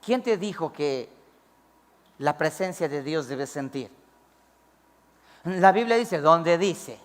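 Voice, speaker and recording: Pastor preaching, high male voice, emphatic, loud calls and low asides, echoing hall. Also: animated, takes it slowly. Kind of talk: sermon. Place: church.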